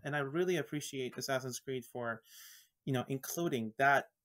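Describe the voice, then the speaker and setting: A man from Iraq, a guest on a podcast, talking casually and haltingly with many restarts while he searches for words. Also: mid-range voice, fairly bright tone.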